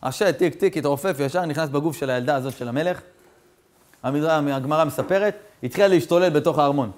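Animated high-voiced man preaching. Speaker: rabbi. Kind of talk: storytelling sermon.

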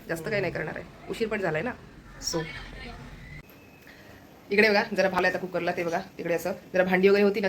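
A woman hosts a casual family vlog from her home kitchen, speaking straight to the people watching. She talks fast and keeps up a chatty run of words, filling the gaps with fillers as she goes. Her phone picks up a clear layer of household noise all around her. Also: medium pitch. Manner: chatty, addresses viewers directly, many fillers. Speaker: family vlogger. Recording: noisy home ambience.

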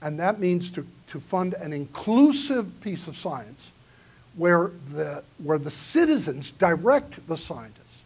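The keynote speaker at this conference lectures earnestly in a big hall and takes questions from the audience. His voice is a little high and slightly rough, very animated, yet he takes it slowly. A far camera in the audience captures the sound.

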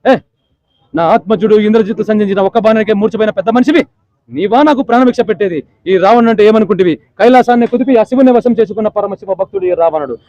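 A man putting on a mighty demon king who boasts in a slow, grand declamation. The voice is high and mellow. The sound is dull and dry. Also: dry recording, lightly acted. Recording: dull lo-fi recording.

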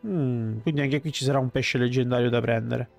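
A man's voice: mid-range voice, steady tone, brisk, creaky, darkish tone. A man giving casual commentary as a gaming streamer. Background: game music.

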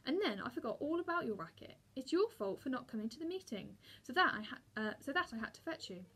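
Brief: earnest, defensive schoolgirl with a slightly husky voice, read by a woman. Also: on the high side, big pitch swings, quick pace, sharp tone, exaggerated voice. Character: spirited, sorry schoolgirl.

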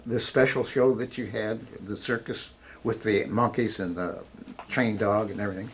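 A man's voice: fairly low pitch, fairly even intonation, normal speed, slight background noise. Man asking interview questions. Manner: brief interjections and backchannels. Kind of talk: conversational questions.

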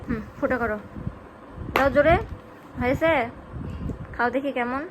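Here a woman with a high voice talks a little slowly against a noisy background. She's a family vlogger recording her day at an outdoor fair and at home, joking around and teasing friends in casual vlog chat.

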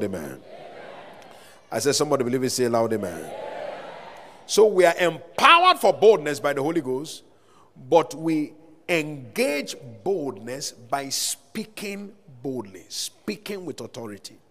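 Between readings from scripture, a pastor from Nigeria raises his calls to the congregation in a mid-range, fairly bright voice with big pitch swings. He keeps a moderate pace, and the live recording in a large church hall rings with long reverb.

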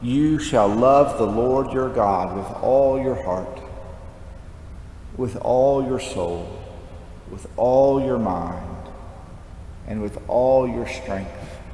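In a large, echoey church, a man at the lectern preaches a conversational homily with drawn-out words and long pauses. His voice is medium-pitched and mellow, captured on a headset mic with long reverb and background noise.

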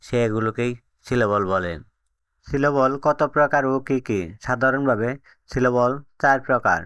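A man reads a beginner grammar lesson in a slow, even, explanatory way. His voice is smooth and resonant at a middle pitch, recorded close and dry with no room sound. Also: no room sound. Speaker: English teacher. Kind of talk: scripted lesson narration.

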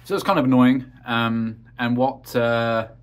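A man's voice: medium pitch, fairly even intonation, a little slow. A man walking through his home heating system in a casual vlog, talking in a rambling, practical way with many ums and uhs, from a cramped crawl space and utility room. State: out of breath after crawling.

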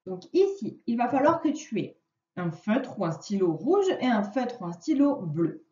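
Brief: woman teacher on a home computer mic, slow deliberate dictation, lively pitch, dull roomy sound. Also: recorded from a distance. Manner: slow, carefully articulated word dictation. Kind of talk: remote phonics lesson for a child. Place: at a computer, recording the lesson.

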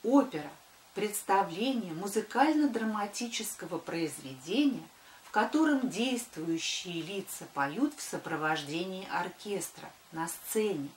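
An older woman, a primary school teacher dictating to children deliberately and sounding out words by syllable. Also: medium pitch, lively intonation, a little hiss or hum. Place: small wood-panelled room indoors. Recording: echoey room.

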